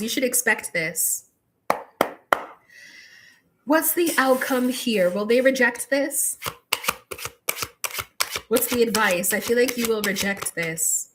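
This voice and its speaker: A woman with a fairly high voice doing a live tarot reading. She talks straight to the viewer in a loose, chatty way, full of "like" fillers. Her advice comes as firm, direct warnings. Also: fairly bright tone, a little hiss or hum. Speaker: tarot reader.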